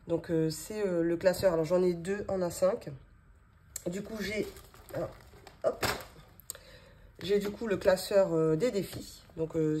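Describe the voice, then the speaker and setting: A woman's voice: on the low side, mellow. A woman in her thirties, chatting casually at her desk as she unboxes and shows her budgeting binders, with many fillers and small laughs. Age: 30s. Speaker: budgeting vlogger. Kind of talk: casual show-and-tell vlog. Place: home office desk, indoors.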